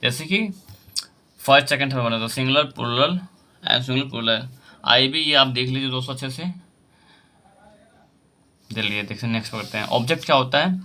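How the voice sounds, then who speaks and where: A man's voice: mid-range voice, brisk, pauses often, sharp tone. A young man teaching an English grammar lesson in Hindi, explaining step by step and asking himself questions over his examples.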